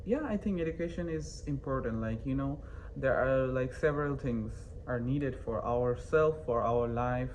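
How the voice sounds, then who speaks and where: A young man from Bangladesh, not a native English speaker, answers interview questions hesitantly, full of fillers and restarts. His pitch sits in the ordinary middle range for a man. A faint hiss runs under the recording. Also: moderate pace, a little mellow, rough recording. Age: young adult. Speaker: interview guest, university student.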